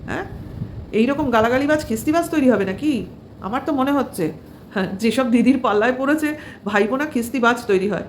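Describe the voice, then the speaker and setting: Sarcastic woman vlogger, higher voice. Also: slight background noise. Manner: sarcastic, critical, many fillers and rhetorical questions. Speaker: vlogger commenting on another channel. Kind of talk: casual gossipy commentary.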